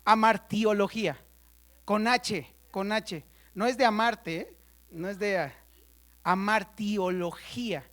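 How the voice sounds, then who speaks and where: A woman teaching a church Bible study class, chatty and playful, constantly checking in with her students and spelling out terms slowly for the ones taking notes. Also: mid-range voice, fairly bright tone. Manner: conversational, checks in with the class often.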